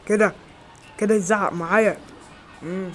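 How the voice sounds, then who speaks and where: A man with an Egyptian Arabic accent acting several everyday roles in a homemade skit, with quick, exclamatory lines. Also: high voice, fairly even intonation, slight background noise, natural voice. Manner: quick, loud, exclamatory dialogue. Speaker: amateur actor.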